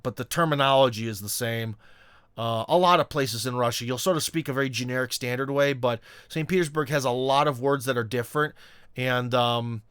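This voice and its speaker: A man's voice: mid-range voice, a bit bright, clear, resonant tone, dry recording, studio quality. A man from Ohio, talking off the cuff in a casual, rambling vlog with lots of fillers and restarts. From Ohio, USA. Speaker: vlogger. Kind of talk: casual unscripted monologue.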